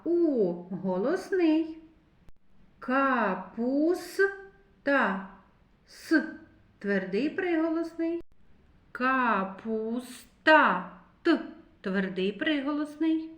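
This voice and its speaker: A woman teaching a literacy lesson to young children, sounding out syllables slowly and gently encouraging them. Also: high voice, big pitch swings, reverberant. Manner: slow, deliberate, drawn-out syllables. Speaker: kindergarten teacher.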